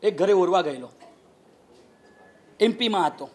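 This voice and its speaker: A man's voice: high-pitched, a little slow. A man with a Gujarati accent, a Jain monk giving a humorous sermon and acting out the people in his stories in a raised voice. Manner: animated, acts out quoted people with raised voice.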